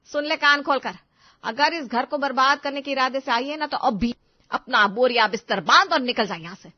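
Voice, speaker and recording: A woman playing a sharp-tongued, bossy middle-aged mother-in-law in an audio drama, scolding one moment and sugary the next. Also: fairly high pitch, lively intonation, moderate pace. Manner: scolding, then sugary sweet. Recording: slightly dull lo-fi recording.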